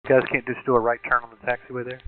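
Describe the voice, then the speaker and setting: A man's voice: mid-range voice, monotone, rapid-fire. A man who is an airline pilot, talking over air traffic control radio. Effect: radio transmission. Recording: tinny narrow-band cockpit radio.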